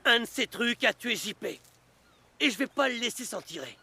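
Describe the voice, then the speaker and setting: A man's voice: very high voice, animated, moderate pace, gravelly, husky, heavily acted. An actor playing a determined young party guy who leads his friends, bossy and slangy, in a French film dub. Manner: slangy, commanding. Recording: loud film music behind.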